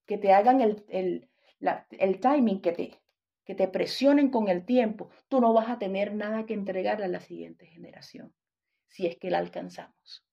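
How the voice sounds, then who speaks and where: A woman's voice: medium pitch, warm tone. A woman preacher giving an impassioned sermon, addressing the congregation directly, on a dull lo-fi recording.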